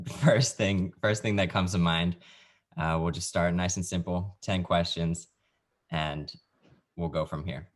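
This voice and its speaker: Very deep-voiced easygoing male host. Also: fairly even intonation, measured pace. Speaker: podcast host. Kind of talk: casual interview over a video call. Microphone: video call.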